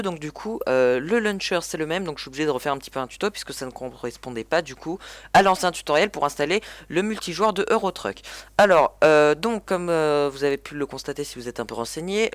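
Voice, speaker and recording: A man's voice: fairly high pitch, fairly bright tone, no echo. A man explaining a game mod installation in a casual tutorial, often hesitating and correcting himself. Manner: hesitant, many fillers and self-corrections. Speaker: gaming tutorial youtuber. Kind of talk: casual screen-recorded tutorial.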